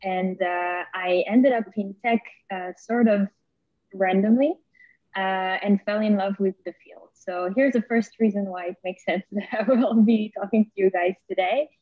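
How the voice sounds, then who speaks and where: A woman's voice: medium pitch, unhurried, no room sound. A woman from Switzerland introducing herself as a panelist over a video call, chatty and upbeat. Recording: dry tinny call audio.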